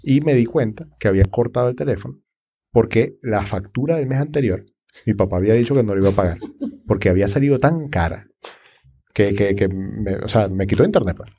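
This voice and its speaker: A man's voice: on the low side, animated, fairly quick, mellow, husky. A man, a podcast panelist telling a personal anecdote. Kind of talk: casual tech podcast chat.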